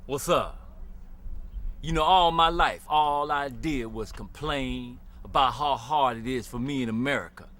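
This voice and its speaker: Man as a hushed, deadpan spokesman in a mock beer ad. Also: mid-range voice, a little slow, natural voice. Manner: quiet, laid-back, deadpan. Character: mellow, low-key man in a parody beer ad.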